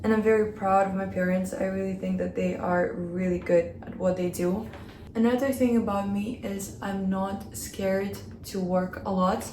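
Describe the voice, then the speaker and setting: In her Hong Kong home, a beauty vlogger originally from Kazakhstan chats freely while styling hair for a tutorial. Her mellow voice sits at medium pitch with fairly even intonation and a moderate pace. The room is echoey, with faint ambience and slight background noise.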